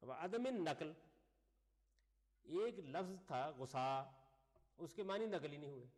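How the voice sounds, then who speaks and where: A man's voice: a little high, lively intonation. A man giving a classroom lecture, reading Arabic phrases and then explaining them while putting questions to his class. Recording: long reverb of a lecture hall.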